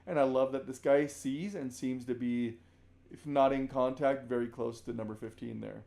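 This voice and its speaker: A man breaking down basketball game film as a coach, talking conversationally, often restarting sentences and now and then shouting out example calls. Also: medium pitch, steady tone, normal speed, vocal fry, slight background noise.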